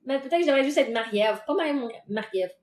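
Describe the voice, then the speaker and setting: A woman's voice: sits high, expressive, a little fast, darkish tone, echoey room. A woman with a Québécois accent, chatting casually and playfully with viewers as a livestream host, laughing often. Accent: Québécois French. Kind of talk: casual live chat.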